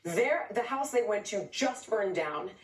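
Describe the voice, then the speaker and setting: A woman from California speaking as a guest in a heated interview, outraged and emphatic, firing off points rapidly. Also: mid-range voice, expressive, echoey room, recorded from a distance, faint music behind, poor audio.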